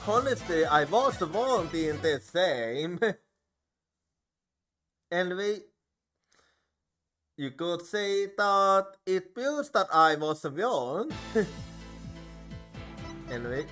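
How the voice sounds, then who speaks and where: A man's voice: high voice, big pitch swings, takes it slowly, long pauses, sharp tone. A man streaming a game, thinking aloud and musing to himself as he plays. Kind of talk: casual gameplay commentary. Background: game music.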